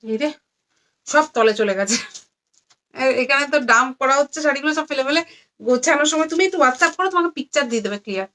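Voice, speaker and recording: A tired, low-energy woman selling saris on a live stream, repeating every price again and again. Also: animated, fast talker, pauses often, a bit bright. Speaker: online saree seller. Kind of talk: live-stream sales pitch. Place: indoors among stacks of saris.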